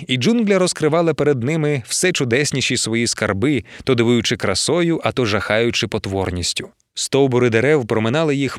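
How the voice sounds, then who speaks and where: An expressive male narrator reading a novel aloud, his pitch moving in a lively way. The voice is recorded close and dry, with no room sound. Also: no room sound. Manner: expressive storytelling. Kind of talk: audiobook reading.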